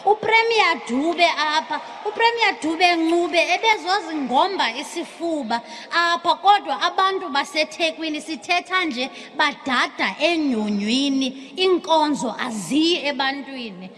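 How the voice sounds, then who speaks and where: A South African woman in her thirties delivering a forceful speech at the podium of a large parliamentary chamber, slipping into isiXhosa. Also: high voice, lively intonation, a little slow. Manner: forceful oratory, switching into isiXhosa. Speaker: opposition chief whip. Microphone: podium microphone. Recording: broadcast feed with long hall reverb.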